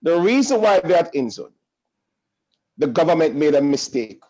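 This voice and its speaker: A man's voice: fairly high pitch, very animated, normal speed, mellow, low-quality recording. A middle-aged man, a school principal giving an earnest, reassuring welcome speech to parents over a video call, often repeating and restating himself as a preacher would. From Jamaica.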